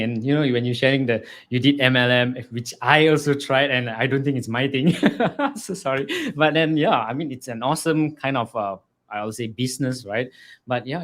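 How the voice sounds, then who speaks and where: A man hosts a relaxed interview show, his voice in a middle pitch. He is friendly and hedges his questions, with plenty of fillers along the way. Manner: friendly, hedging, many fillers. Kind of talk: casual interview.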